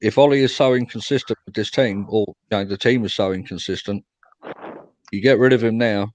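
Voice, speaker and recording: Male host, young, low pitch, dry close mic, reads out viewer comments. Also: a little fast, a little mellow, no room sound, poor audio. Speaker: fan show host. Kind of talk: casual post-match fan chat.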